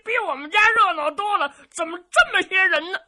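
A woman's voice: extremely high pitch, brisk, bright, forceful tone, pitched above the performer's own voice, full character voice. A woman voicing a naive, simple-minded young giant of a man, with a childlike, blunt, cheeky way of asking questions.

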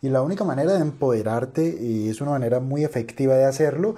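A man's voice: mid-range voice, fast, warm tone, husky. A man, an investor, reacting to a video with earnest, motivational commentary and speaking directly to his viewers.

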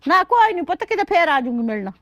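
A woman's voice: very high-pitched, very animated, fast. An actress playing an older rural Punjabi mother visiting her married daughter, chatting homely and fond. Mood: tearful.

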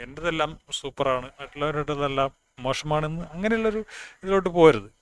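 A man's voice: on the high side, fairly bright tone, clean tone. A man from northern Kerala giving a casual spoken talk, plainspoken and reasoning aloud, often restarting words. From Kasaragod, northern Kerala. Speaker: speaker on language.

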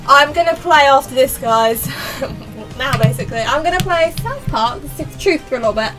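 Young female streamer, high voice, casual chat, tipsy and giggly delivery, music in the background. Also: animated, normal speed. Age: young adult. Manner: tipsy, giggly drunk talk. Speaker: live streamer. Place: small cluttered bedroom.

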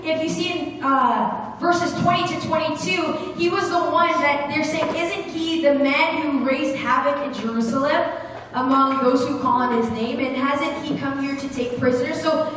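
A young woman with a high voice delivers a sermon into a handheld mic. She is earnest and restarts her sentences often. The sound is distant, with long reverb from a church hall and a faint room hum. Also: a bit bright. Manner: earnest, gesturing, with fillers and restarts. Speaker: preacher. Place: church hall with brick wall. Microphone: handheld microphone at a lectern, recorded from the room. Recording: echoey hall from far off.

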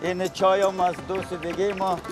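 High-voiced rambling Afghan Dari man. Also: level tone, over music. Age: 30s. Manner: expansive, rambling talk. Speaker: interviewee.

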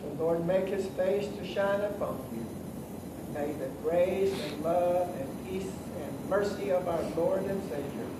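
Older pastor, high-pitched, distant and echoey. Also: male voice. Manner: solemn, measured preaching. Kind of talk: graveside committal sermon with scripture reading and prayer. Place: outdoor covered committal shelter with stone wall. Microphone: distant camera. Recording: echoey, distant, very noisy camera audio.

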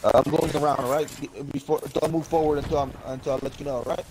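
A man's voice: on the high side, fairly even intonation, fast talker, background noise. A man playing as the streamer's teammate, chatting casually and often stumbling over his words. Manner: stammering, restarting sentences. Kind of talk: casual gaming chat.

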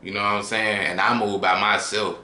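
Low voiced guy doing reaction commentary, slangy, mumbles the ends of lines, echoey room. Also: flat delivery, brisk, pushed and bright. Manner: slangy, drawling, trails off to a mutter at line ends. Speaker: reaction video host.

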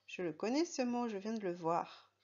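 A woman's voice: mid-range voice, lively intonation, moderate pace, a little mellow, lo-fi sound. A woman teaching a reading lesson to young children, patient and careful, spelling words out letter by letter. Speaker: primary school teacher.

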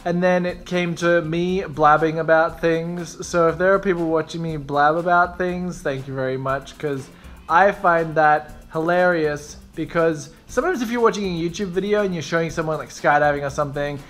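A man's voice: on the high side, normal speed, fairly bright tone, faint music behind. A young man talking casually to his camera in a rambling, self-mocking vlog monologue. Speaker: vlogger.

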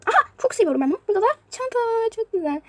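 A woman's voice: extremely high pitch, very animated, very fast, fairly bright tone, no room sound. A woman giving casual commentary on a mobile game she is playing, chatty and prone to exasperated outbursts. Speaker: youtuber showing a mobile game.

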